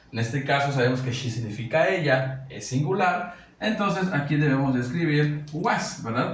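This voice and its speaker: A male English teacher talks through a grammar lesson in a very echoey room, standing some way from the mic. His pitch sits in a middle range, and he keeps checking in with listeners as he goes. A faint hum of room noise sits under his voice. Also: distant mic. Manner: patient, repeats "¿ok?" and "¿verdad?" often; reads English example sentences slowly. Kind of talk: classroom-style grammar explanation.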